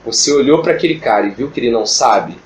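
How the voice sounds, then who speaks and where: A man's voice: mid-range voice, expressive, fast talker. A man leading an informal Bible study, talking in a chatty, joking way and acting out classroom exchanges. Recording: echoey room with background noise.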